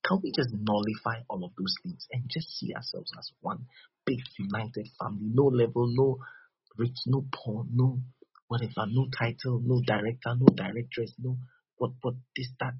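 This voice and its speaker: A man's voice: mid-range voice, steady tone, moderate pace, muffled recording, slight background noise. A man with a West African accent preaching a teaching sermon, repeating phrases and checking that his listeners understand.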